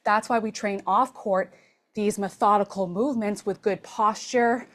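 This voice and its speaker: A woman's voice: medium pitch, steady tone, a little slow. Breathless woman fitness coach. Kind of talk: explaining training to a class.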